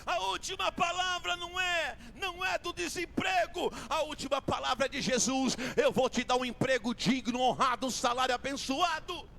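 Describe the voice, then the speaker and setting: A man preaching a fiery sermon as a bishop in a church, with a Brazilian accent, shouting in repetitive refrains and then dropping to a hush. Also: very high voice, normal speed, vocal fry, few pauses. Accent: Brazilian Portuguese. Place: church sanctuary. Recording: music playing behind the voice.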